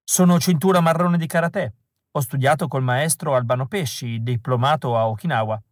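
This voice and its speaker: A man's voice: mid-range voice, normal speed, dry recording, clean studio sound, natural voice. A man voicing a pale, desperate young man begging for a job, pleading and frantic, in an audiobook reading. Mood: earnest. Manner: pleading, breathless and increasingly frantic. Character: pale desperate young male would-be extra.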